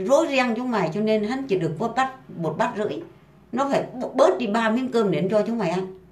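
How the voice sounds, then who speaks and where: A woman's voice: medium pitch, darkish tone. A woman delivering an angry, profane rant full of insults and hammering repetition. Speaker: housemaid ranting online. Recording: roomy echo.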